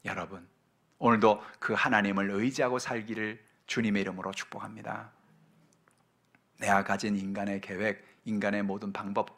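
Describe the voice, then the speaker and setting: Bright, forceful preaching pastor, a man. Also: lowish voice, creaky. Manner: emphatic preaching, swinging from hushed to loud exhortation. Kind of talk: sermon.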